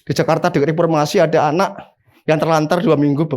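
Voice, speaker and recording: A man, a pastor preaching a sermon in an animated way, with sudden high emphatic bursts. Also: quick pace.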